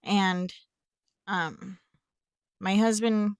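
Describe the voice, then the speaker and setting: A woman's voice: mid-range voice, fairly even intonation, drawn-out words, clear, resonant tone, no echo. Frank young woman, dry close sound. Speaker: co-host. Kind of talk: casual chat.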